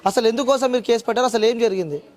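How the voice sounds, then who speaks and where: A man's voice: very high voice, racing, a little mellow. A male interviewer asking probing questions in a casual style.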